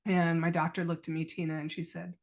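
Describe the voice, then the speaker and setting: A woman's voice: lowish voice, little pitch movement, a little fast. A middle-aged woman, a podcast guest, earnestly telling a personal story and retelling past conversations as quoted dialogue.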